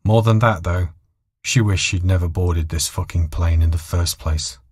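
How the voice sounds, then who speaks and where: A man's voice: deep voice, moderate pace, a little mellow, husky, no room sound, clean studio sound. A man reading scripted dramatic story narration as the narrator.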